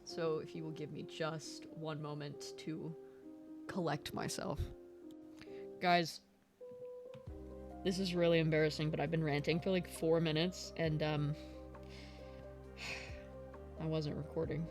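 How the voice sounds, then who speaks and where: A young woman vlogging a casual episode recap, excitable and rambling, swearing freely. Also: low voice, slow, long pauses. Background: faint lo-fi background music.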